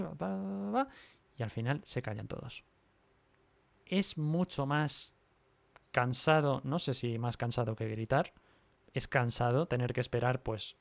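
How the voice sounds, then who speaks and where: Male teacher, calm reasoned explainer, mid voice, dry recording. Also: medium pitch, no echo. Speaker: primary school teacher. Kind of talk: livestream conversation.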